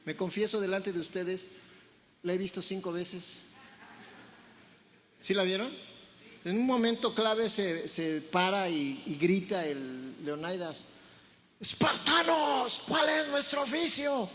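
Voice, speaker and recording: High-voiced Mexican pastor in an echoing hall. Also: male voice, slow, pauses often. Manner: animated preaching with jokes and shouted call-and-response. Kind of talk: sermon. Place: church sanctuary. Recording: reverberant hall, faint noise.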